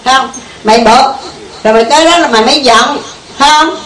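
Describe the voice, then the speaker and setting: With a Southern Vietnamese accent, this woman talks fast in a high, fairly bright voice. She's giving a group an informal, conversational Buddhist meditation talk and often asks her listeners questions. Echo, a far-off mic and faint hiss color the recording.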